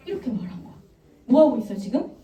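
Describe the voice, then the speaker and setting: Woman preaching to little kids, mellow but bouncy voice, mic kinda far off. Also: a little high, quick pace. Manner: animated, quizzes the children. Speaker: children's church evangelist. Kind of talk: children's sermon. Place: church room. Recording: echoey room, mic far off.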